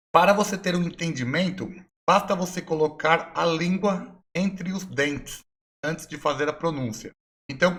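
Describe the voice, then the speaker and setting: A young adult man with a Brazilian Portuguese accent, teaching an online English lesson and explaining slowly and patiently with repeated examples. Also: a little high, fairly bright tone.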